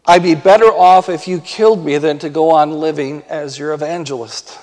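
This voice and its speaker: A man's voice: a little high, steady tone, normal speed, darkish tone, natural voice. A man voicing an angry, defiant male prophet who rants that he would rather die than serve. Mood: resentful. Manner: ranting, indignant. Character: furious sulking male prophet, whiny and defiant. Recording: long hall reverb.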